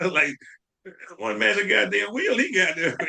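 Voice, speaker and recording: A man with a fairly high, bright voice tells a rambling story to his friends on a podcast. He laughs often and stalls on fillers as he goes. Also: very animated, slow pace, gravelly. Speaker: podcast co-host. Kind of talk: casual storytelling among friends.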